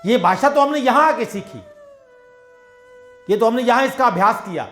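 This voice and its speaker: Extremely high in pitch, expressive and fairly bright, this man speaks at normal speed over soft background music. He is a satsang preacher whose devotional sermon features everyday parables, told conversationally with dialogue voiced by himself.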